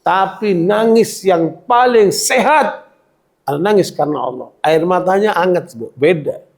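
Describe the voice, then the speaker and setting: Man, preacher, religious lecture, high voice, gravelly, colloquial, checks in with the audience. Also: darkish tone. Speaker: Islamic preacher.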